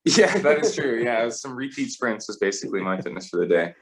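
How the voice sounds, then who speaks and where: A man's voice: medium pitch, lively intonation, brisk. A man in his twenties, a rugby player chatting easily as a guest with lots of fillers. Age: 20s. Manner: easygoing, rambling with frequent fillers. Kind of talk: casual interview chat.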